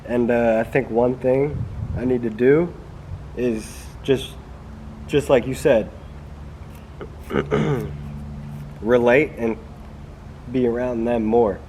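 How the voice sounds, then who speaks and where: Young American male interviewer, informal and conversational, medium pitch, slight ambient noise. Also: takes it slowly, long pauses, warm tone. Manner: informal, slangy. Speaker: grandson interviewing his grandfather. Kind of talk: casual chat.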